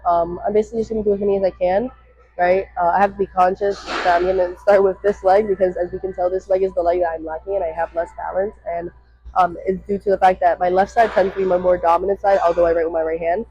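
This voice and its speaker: A woman's voice: fairly low pitch, flat delivery, quick pace, warm tone, husky. A woman giving casual, chatty exercise instruction as a fitness vlogger, rambling and self-deprecating while exerting herself. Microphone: worn microphone. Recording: dull, slightly muffled audio.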